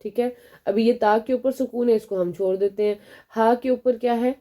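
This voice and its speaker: A woman with a Pakistani Urdu accent teaching a beginner language lesson. She explains step by step, asks questions and answers them herself, and slows down to spell out each letter sound. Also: a little high, fairly even intonation, warm tone. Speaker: Arabic teacher.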